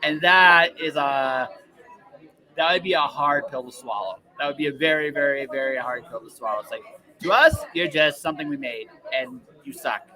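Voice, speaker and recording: In a fairly high, sharp-toned voice at normal speed, a man hosts a relaxed podcast interview. He speaks emphatically, often saying the same words and phrases again to stress them.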